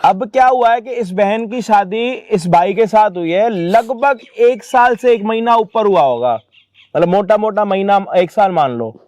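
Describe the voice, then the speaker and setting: A man's voice: high-pitched, measured pace, darkish tone, no echo. A man hosting and explaining a staged family dispute in a blunt, lecturing way. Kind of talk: casual commentary.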